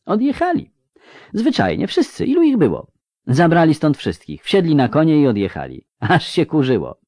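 Guy putting on a high chirpy girl voice, chatty and eager, storybook style, dry close sound. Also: huge pitch swings, normal speed, no echo. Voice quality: high girlish voice, bright and loud. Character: young girl, lively and chatty.

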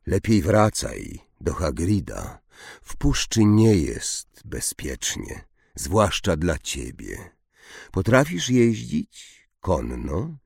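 A male narrator voicing a noble young centaur, speaking slowly and solemnly in an audiobook. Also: low voice, very animated, vocal fry, darkish tone, slightly rough, no echo, studio quality, full character voice. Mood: grave. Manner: slow, solemn, measured.

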